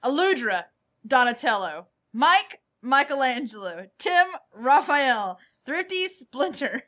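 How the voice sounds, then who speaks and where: A woman's voice: sits high, very animated, slow, bright, forceful tone. A woman co-hosting a tabletop game podcast, reading listener reviews aloud in a playful, laughing way. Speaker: podcast co-host and player.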